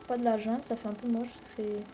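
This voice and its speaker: Une jeune femme à l'français commente sa partie de jeu vidéo sur un ton décontracté et bavard, avec beaucoup d'hésitations. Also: female voice, on the high side, level tone, quick pace, mellow, a little hiss or hum, poor audio. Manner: rambling, chatty, many fillers. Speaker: let's play host. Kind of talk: casual gameplay commentary.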